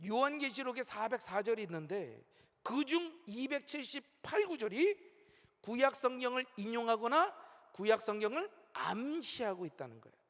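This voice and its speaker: A man's voice: extremely high pitch, sing-song, moderate pace, fairly bright tone. A middle-aged male pastor preaching a sermon with strong emphasis, rising and falling as he leads the congregation in call-and-response. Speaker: senior pastor. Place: large church sanctuary. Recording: long hall reverb from a church sanctuary.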